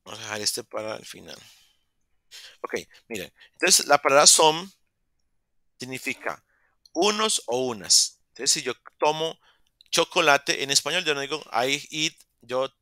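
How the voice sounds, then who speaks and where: A man's voice: mid-range voice, lively intonation, unhurried, bright, forceful tone, no room sound, studio quality. A man, teaching English in a virtual class and patiently repeating words to model pronunciation. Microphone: video call.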